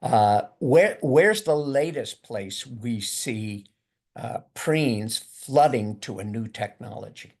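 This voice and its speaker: In a mid-range, animated voice, an older man lectures slowly at a university, mixing in discussion. His style is loose and conversational, with words frequently repeated as he thinks.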